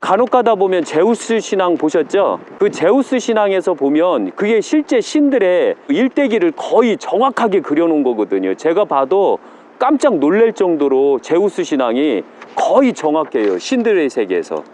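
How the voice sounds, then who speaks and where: A man in a casual vlog, lecturing and scolding commenters in a preachy way, sometimes dropping to a deliberately low register. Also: big pitch swings, a little mellow, slight background noise. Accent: regional Korean dialect, usually. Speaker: YouTuber pharmacist-mystic. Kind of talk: casual vlog talk to camera. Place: outdoors and inside a police station.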